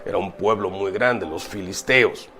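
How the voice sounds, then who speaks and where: Emphatic priest preaching. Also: male voice, measured pace. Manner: emphatic, rhetorical questions, swings from loud exclamations to low asides. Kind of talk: preaching talk.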